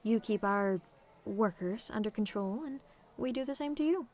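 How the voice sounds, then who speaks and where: A woman plays a sardonic, tomboyish female demon in a scripted roleplay monologue, using a natural, medium-pitched voice at normal speed. Relaxed, wry, and guarded, she needles the listener with casual taunts and teasing, though she's secretly fond of simple pleasures.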